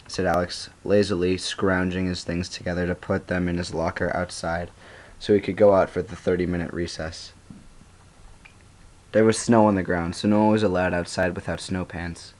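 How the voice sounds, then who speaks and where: Male student, deep voice, reads his story unhurried with small slips. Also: a little mellow. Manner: unhurried, with occasional stumbles and restarts. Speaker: student reader. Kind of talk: reading his own story aloud.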